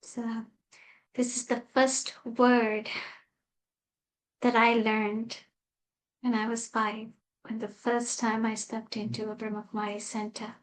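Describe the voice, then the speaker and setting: A woman from Malaysia tells a reflective personal story as a guest. Her voice sits a little high and moves in a narrow, even line. She speaks slowly and softly, with gentle pauses and fillers. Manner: soft-spoken and unhurried, with gentle fillers. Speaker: guest speaker, meditation teacher.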